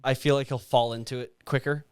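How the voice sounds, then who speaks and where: A man co-hosts a relaxed podcast in an ordinary mid-pitched voice. He is hesitant and wry, restarting his sentences as he works out his thoughts. The recording is close and dry. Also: a little fast, clear, resonant tone, no echo. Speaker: podcast co-host. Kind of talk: casual chat.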